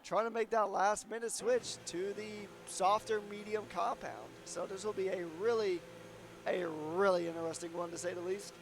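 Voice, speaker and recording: A man's voice: sits high, fairly even intonation, normal speed, noisy background. A man commentating a sim racing league, chatting through pit strategy and tyre choices. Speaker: race commentator.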